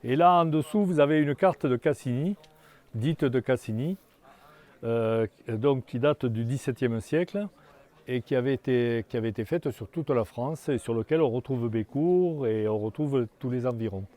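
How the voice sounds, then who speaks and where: Older male guide, mellow low tone, outdoors, stop-start delivery. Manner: halting, many restarts and fillers. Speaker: tour guide. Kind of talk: guided tour talk. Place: outdoors in a hamlet.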